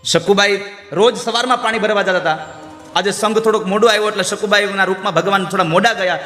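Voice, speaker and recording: A man's voice: high-pitched, fast talker, soft background music. Fields: man, devotional storyteller. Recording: echoey hall. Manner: animated, acts out characters' voices. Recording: echoey hall with faint sitar.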